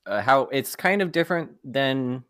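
A man's voice: medium pitch, expressive, moderate pace, a bit bright, no echo. A young man, a college esports player, chatting casually as a podcast guest in a laid-back, dry way. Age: young adult.

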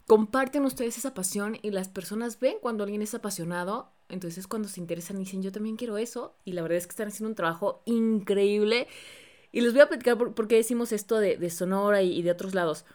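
A woman from Mexico hosting a podcast, chatty and enthusiastic with quick asides. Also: medium pitch, a little mellow. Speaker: podcast host. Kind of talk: casual podcast interview.

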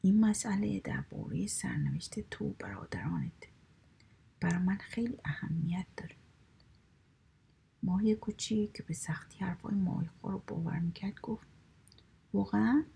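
A woman voicing a cunning male heron who talks softly and mournfully to win trust. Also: fairly low pitch, animated, full character voice. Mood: scheming, mournful. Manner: soft, smooth-talking, mournful. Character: cunning male heron, scheming and falsely sad.

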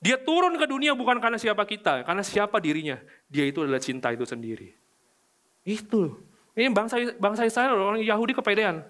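A young man preaching a casual sermon to a youth service, animated, swinging from loud to hushed. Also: high-pitched, fast.

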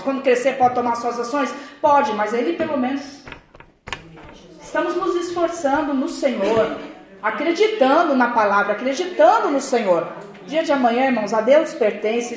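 In a church, an older woman preaches a testimony-style sermon in a high voice, repeatedly calling the congregation brothers and acting out conversations she remembers. The room is echoey.

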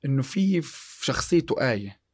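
Very animated and a little fast, a man with a medium pitch and breathy edge talks as a guest on a casual podcast. He is a chemistry teacher discussing success and faith, and his scripture quotes come with many restarts.

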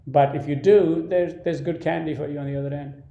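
A man with an Indian accent, a film director telling animated behind-the-scenes stories in an interview, with many restarts. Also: on the high side, fairly quick, vocal fry, highs cut off. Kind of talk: interview storytelling. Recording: roomy echoey sound.

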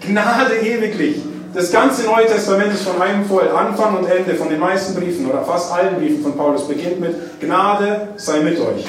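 A man preaching a sermon, dwelling on key phrases with drawn-out emphasis. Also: sits high, over music. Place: church hall. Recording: echoey church hall, mic at a distance.

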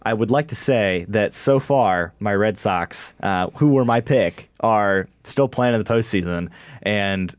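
A man's voice: fairly low pitch, unhurried, clean tone, no echo. A man in his twenties from Wisconsin, hosting a sports podcast in a chatty, rambling way and laughing often. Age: 20s. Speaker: podcast host. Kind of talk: casual sports chat.

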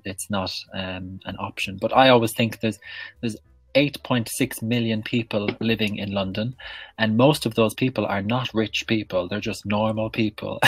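A man in his thirties with an Irish accent, chatting casually in an interview, laughing often and filling pauses with ums. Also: lowish voice, no room sound. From west of Ireland. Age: 30s. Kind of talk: casual conversation.

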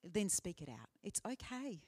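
A woman's voice: on the low side, very animated, a little slow, darkish tone, slightly rough. A woman speaker answering questions in a live teaching session, earnest and conversational with frequent fillers. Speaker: conference speaker. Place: conference hall.

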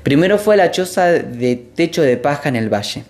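A narrator reading a story aloud in an expressive, measured way. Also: mid-range voice.

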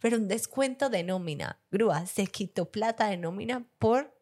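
A woman's voice: mid-range voice, moderate pace, a little mellow. A woman with a mid-range voice co-hosts a casual podcast. She reads listener stories aloud, stopping to comment and giggle along the way. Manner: reads aloud with frequent laughter and asides. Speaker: podcast co-host.

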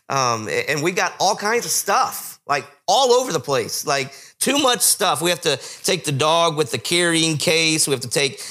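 A man's voice: medium pitch, pushed and bright. A man in his thirties preaching a conversational sermon, telling a family story with many fillers and restarts. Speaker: pastor.

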